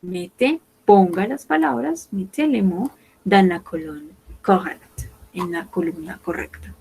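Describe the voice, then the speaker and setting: Slow, careful female French teacher. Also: on the low side, vocal fry, darkish tone, a little hiss or hum, low-quality recording. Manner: slow, careful, repeats words for learners. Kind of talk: online language lesson.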